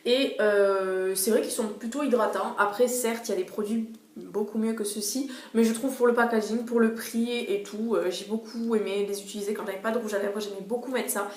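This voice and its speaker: A woman's voice: mid-range voice, fairly even intonation, fairly quick. A young woman reviewing her favorite beauty products in a casual, hesitant way, full of fillers and repeated words, recorded in a room at home. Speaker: beauty vlogger. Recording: echoey room, faint noise.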